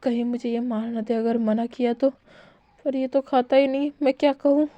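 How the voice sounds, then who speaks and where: A woman's voice: a little high, steady tone, normal speed, no echo, dull audio, lightly acted. A woman voicing a nervous young husband who hesitates and stammers.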